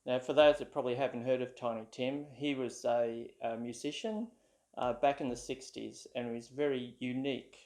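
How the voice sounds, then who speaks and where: A man's voice: mid-range voice, fairly even intonation, normal speed, darkish tone. An Australian man telling a casual, rambling story to camera, with plenty of ums and uhs. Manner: rambling, with many fillers. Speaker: ukulele vlogger.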